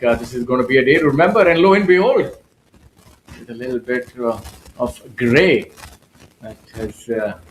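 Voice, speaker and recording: A male studio host opens a live golf telecast with a flowery, showman-like delivery. His voice sits at an ordinary pitch, with a soft hum of ambience underneath. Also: low-quality recording. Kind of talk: live golf broadcast presenting.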